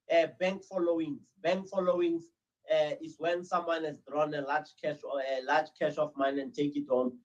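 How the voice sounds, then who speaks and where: A South African man answers interview questions in a somewhat raised pitch. He tells his stories steadily but pauses often on "uh" as he searches for words. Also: poor audio. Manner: hesitant, many "uh"s, steady storytelling. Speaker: interview guest, crime-prevention ambassador.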